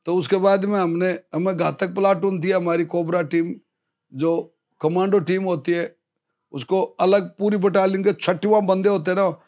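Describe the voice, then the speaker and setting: A man in his fifties, an army veteran, telling a story in an interview in a lively way and acting out what others said. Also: high voice, moderate pace.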